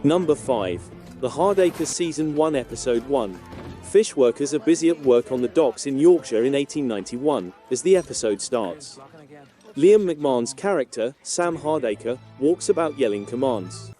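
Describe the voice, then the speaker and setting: A man reading a scripted TV episode recap in a steady, even manner. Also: medium pitch, moderate pace, faint music behind. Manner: steady, even read-through of plot events.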